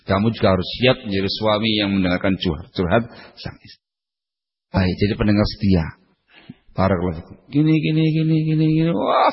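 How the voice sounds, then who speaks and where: Animated preacher in an echoey hall. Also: male voice, gravelly, husky. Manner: animated, swings between loud high bursts and low quiet asides. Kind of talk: sermon. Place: lecture hall. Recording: echoey hall, muffled lo-fi recording.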